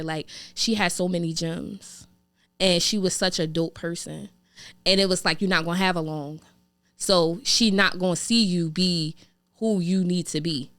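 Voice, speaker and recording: A woman co-host speaks in a lowish voice that is bright and forceful, with a crisp, resonant clarity. She talks in an earnest, heartfelt way, full of casual "like" fillers. The sound is close and dry. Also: no room sound. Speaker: podcast co-host. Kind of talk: casual chat.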